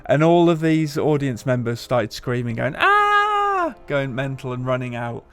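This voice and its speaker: A man, co-hosting a casual chat over gameplay footage, relaxed and chatty with casual swearing. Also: mid-range voice, normal speed, clean tone. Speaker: games journalist, co-host.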